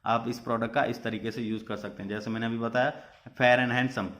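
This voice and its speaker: Young male teacher giving a classroom business lecture, steady explaining manner. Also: medium pitch, a little fast. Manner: mixes Hindi and English, repeats points with "ठीक है".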